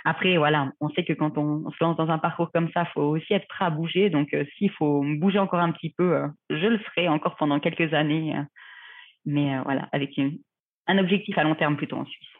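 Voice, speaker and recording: A woman's voice: sits low, fairly even intonation, brisk. A woman in her thirties from Switzerland, a researcher and clinician, answering podcast questions in a careful, explanatory way with many fillers, heard over a remote call. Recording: phone-like remote call audio.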